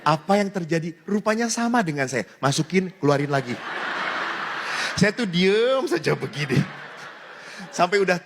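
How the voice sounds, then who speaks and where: A man's voice: sits high, normal speed, noisy background. A man who is a priest, giving a humorous sermon told as a story, laughing often as he speaks. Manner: animated, laughing while telling jokes. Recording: reverberant hall, faint ambience.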